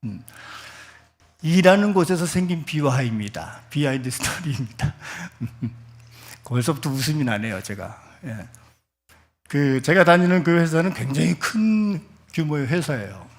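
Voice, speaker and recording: A middle-aged male pastor preaching a Sunday sermon at a church service. He talks in a chatty way and puts questions to the congregation. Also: on the high side. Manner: leads the congregation in reading scripture aloud.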